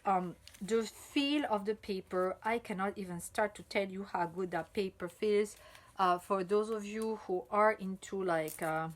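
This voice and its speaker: A chatty woman with a French accent, a native French speaker, talks through a casual chocolate review in a mid-range voice. She searches for words with frequent ums and bursts into excited exclamations. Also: mid-range voice, unhurried. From France. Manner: chatty, thinks aloud with many fillers.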